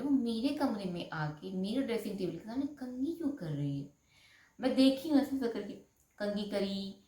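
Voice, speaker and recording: A woman chattily telling a personal story from her own life, acting out the dialogue along the way. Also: medium pitch. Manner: chatty, animated retelling with quoted dialogue. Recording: echoey room.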